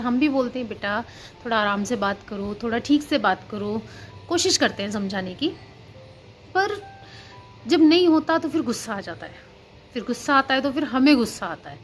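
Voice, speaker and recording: Woman in her 30s, kinda high voice, earnest casual chat about parenting, repeats herself a lot, faint music in the back. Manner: earnest, repeats herself, mixes English words in. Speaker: vlogger, housewife and teacher.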